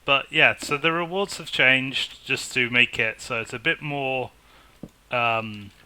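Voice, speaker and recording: Excitable man narrating his gameplay. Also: mid-range voice, slow, a little hiss or hum. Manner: excitable, talks to himself while playing. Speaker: gaming YouTuber. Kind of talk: casual Minecraft let's play commentary.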